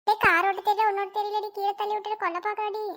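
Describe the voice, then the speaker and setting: A woman voicing a loud, bossy grown woman who scolds and grumbles in a comedy cartoon. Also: very high-pitched, level tone, rapid-fire. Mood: grumbling.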